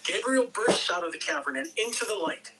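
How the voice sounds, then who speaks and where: Speaking fairly quickly in an expressive, medium-pitched voice, an amateur reader at a table read delivers screenplay narration and stage directions with theatrical flair. The home microphone is distant, and background noise can be heard.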